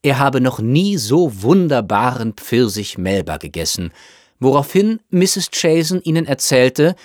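A man reading an audiobook in expressive, scripted narration. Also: medium pitch, no echo, studio quality. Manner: expressive storytelling.

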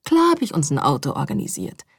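A wry, teasing man behind the wheel, as a woman reads him aloud. His lines come lower than the narration, husky and laid-back. The sound is close and dry. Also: wildly swooping pitch, quick pace, no echo, heavily acted. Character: grinning, charming male war-zone driver, adult.

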